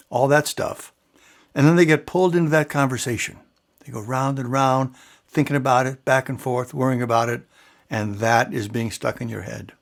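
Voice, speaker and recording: A man hosting his own coaching show, explaining ideas in a calm, measured way with casual asides to the listener. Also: medium pitch, gravelly. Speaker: mental game coach and show host. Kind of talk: solo talk to camera or mic, explaining.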